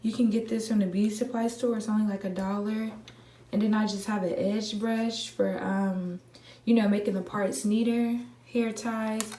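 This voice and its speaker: A young woman vlogger, talking viewers through a hair tutorial in a relaxed, chatty way, a little groggy from just waking up. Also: medium pitch, normal speed, a little hiss or hum. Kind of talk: casual how-to tutorial. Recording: echoey room with faint ambience.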